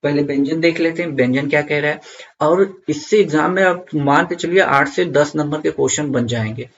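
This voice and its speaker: A man's voice: fairly high pitch, normal speed, highs cut off, a little hiss or hum. Repetitive, coaxing male exam teacher. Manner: repeats key points, checks in with viewers. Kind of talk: online Hindi grammar lesson.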